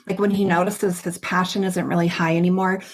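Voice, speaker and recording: A woman's voice: on the low side, flat delivery, a little fast. A middle-aged woman hosting an interview, telling stories in an upbeat, chatty way. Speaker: podcast host. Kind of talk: casual interview chat.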